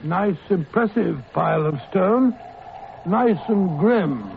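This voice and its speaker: An actor playing a fussy, comfort-loving Victorian doctor in a 1940s radio drama, blustering and stammering in dismay. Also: male voice, high voice, expressive, slow, gravelly, exaggerated voice. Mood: grumbling. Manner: blustering, flustered, stammering exclamations. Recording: tinny old radio broadcast, faint hiss.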